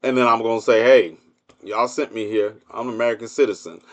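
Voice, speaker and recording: A man hosts his own livestream in a loose, casual monologue about the news. He is sarcastic and keeps throwing rhetorical questions at his listeners. His voice sits at an ordinary middle pitch for a man. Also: brisk. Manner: hums a tune while waiting. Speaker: livestream host. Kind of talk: casual political commentary monologue.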